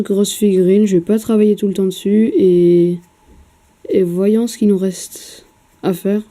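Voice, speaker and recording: A woman with a very dark, mellow voice talks through painting a miniature in a casual vlog. She is hesitant and chatty, with lots of fillers and casual swearing. The sound comes from a camera mic at a home painting desk. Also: medium pitch.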